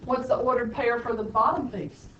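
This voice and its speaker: A woman's voice: fairly high pitch, steady tone, moderate pace, fairly bright tone, a little hiss or hum. A woman math teacher, lecturing a classroom with playful, sarcastic teasing of her students. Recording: echoey classroom, distant lo-fi mic.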